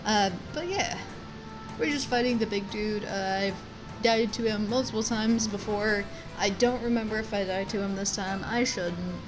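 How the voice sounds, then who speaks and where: The audio is rough, with video game music behind a woman's medium-pitched voice at a moderate pace. She narrates her playthrough casually, poking fun at herself and addressing the characters.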